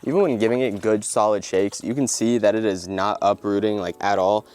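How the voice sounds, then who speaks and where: A man's voice: fairly low pitch, steady tone, fairly quick, darkish tone, clean tone. A man presenting a video product review in an explanatory, informal way, part scripted and part casual. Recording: background music under the voice. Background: music.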